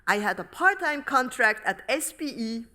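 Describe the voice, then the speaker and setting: A middle-aged woman from Switzerland, giving a formal academic lecture at a podium microphone in a large hall, reading in a measured, deliberate way. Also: fairly high pitch, sing-song, sharp tone. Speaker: professor giving inaugural lecture.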